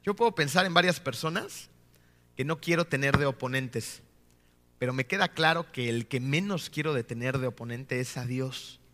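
A man in his thirties, a pastor, preaching a sermon full of rhetorical questions and often slowing down to stress his key points. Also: medium pitch, pushed and bright, in a large hall. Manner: rhetorical questions with frequent tag "¿no?".

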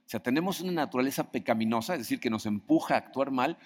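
A man delivers a sermon in a relaxed, conversational way, often asking his listeners questions. His voice sits in a middle range. A long hall reverb trails behind every phrase. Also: medium pitch, quick pace. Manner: conversational, asks the audience questions, acts out quoted voices. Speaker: preacher.

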